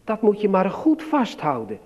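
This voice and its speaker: Male preacher, children's sermon, raised pitch, unhurried emphatic delivery, dull lo-fi sound. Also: wildly swooping pitch, darkish tone. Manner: slow and emphatic, questioning the listeners.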